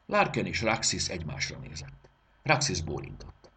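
A man narrating a children's story aloud in an expressive reading. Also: low-pitched, slight background noise. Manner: expressive, lilting delivery.

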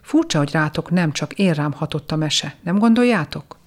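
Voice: medium pitch, expressive, close to an everyday voice. Here is a fretful little gnome from a storybook, puzzled and anxious as he talks things over, voiced by the storyteller. He sounds bewildered rather than bold. It comes across as storybook reading.

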